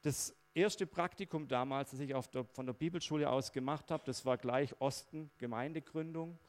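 A man's voice: mid-range voice, moderate pace. A man preaching a personal testimony sermon, talking in a conversational, reflective way with frequent fillers.

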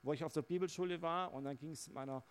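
A man with a slightly raised voice delivers a personal testimony sermon. He speaks conversationally and reflectively, pausing with fillers as he searches for words. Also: on the high side. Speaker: preacher.

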